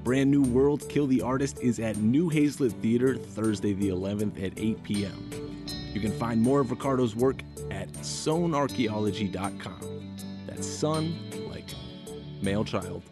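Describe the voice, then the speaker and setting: A man hosts a podcast, reading his script with wry, conversational asides. His voice sits a little low. Faint music plays under his narration. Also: a little slow. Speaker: podcast host.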